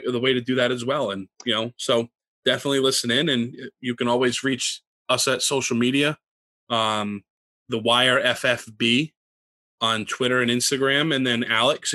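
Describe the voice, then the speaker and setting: A male podcast co-host chatting casually about fantasy football. His tone is bright and forward and the sound is dry and close. He rambles, restarting his sentences. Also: mid-range voice, fairly even intonation, a little fast, no room sound. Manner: rambling with many fillers and restarts.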